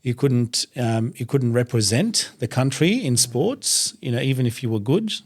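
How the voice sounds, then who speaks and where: A young adult man from Iraq, a native Arabic speaker, talking as a guest in a studio interview in a thoughtful, measured way, often pausing to gather his words. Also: mid-range voice, animated, slightly rough. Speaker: guest, doctor and reciter. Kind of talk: conversational interview.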